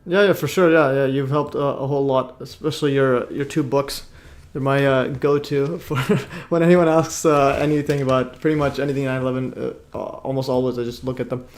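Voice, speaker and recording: A man hosting a livestream, born in Iraq, sounding a bit tired. His voice sits at an ordinary mid pitch. He rambles through his points with fillers and false starts. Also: fairly even intonation, fairly quick, few pauses. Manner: rambling, many fillers and restarts. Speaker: livestream host. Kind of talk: casual livestream chat.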